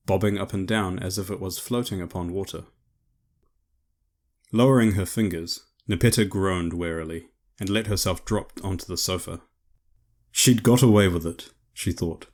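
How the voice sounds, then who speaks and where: Casting: male audiobook narrator, very deep, measured and even. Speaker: author and narrator.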